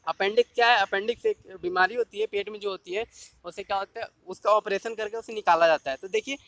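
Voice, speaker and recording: A man teaching exam vocabulary, drawing out each keyword slowly and repeating memory tricks. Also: high-pitched, fairly even intonation, a bit bright, no echo. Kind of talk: exam-prep vocabulary lesson.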